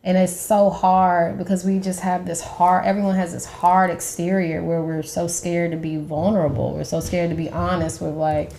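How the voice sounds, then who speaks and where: A woman's voice: lowish voice, level tone, moderate pace, gravelly, hardly any pauses, mellow, slight background noise. A woman talking as a podcast guest, open and earnest, often quoting what others said. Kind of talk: candid conversation. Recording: roomy echoey room.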